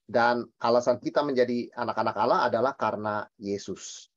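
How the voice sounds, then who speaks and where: Male pastor teaching Bible study, emphatic and lively, mid-pitched, dry muffled recording. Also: brisk, no room sound. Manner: lively, emphatic, asks and answers his own questions; mixes in English words.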